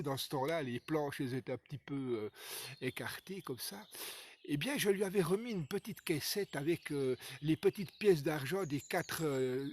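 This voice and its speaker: A man's voice: a little high, a little hiss or hum, close to an everyday voice. A man voicing an old village priest who recounts an anecdote in a hesitant, conversational way.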